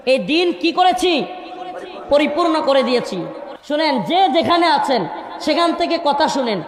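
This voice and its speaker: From a crowded stage at a large outdoor gathering, a man with a very high, animated voice preaches a sermon, pleading with and scolding the crowd to stay quiet. At times he slips into slow, chanted recitation of scripture. Echoing reverb hangs over a murmuring crowd.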